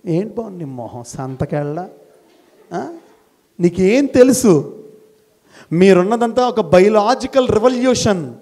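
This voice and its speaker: Man, motivational speaker to a student crowd, lively and scolding, high-pitched, mixes in English phrases. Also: slow, pauses often. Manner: animated, scolding, teasing the audience. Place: college hall.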